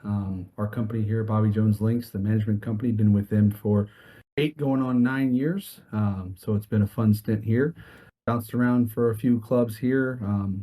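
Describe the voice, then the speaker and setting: A man's voice: on the low side, dark tone. A man in his early thirties, a golf club manager appearing as a guest, talking in an easygoing way with some hesitation. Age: 30s. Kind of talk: casual podcast interview.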